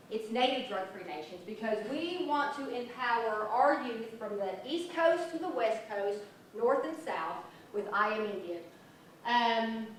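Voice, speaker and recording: Woman presenting in an echoey hall. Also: a little high. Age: 40s. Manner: chatty, self-deprecating, enthusiastic. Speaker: prevention program presenter. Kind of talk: conference presentation. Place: conference room. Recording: echoey hall from far off, faint noise.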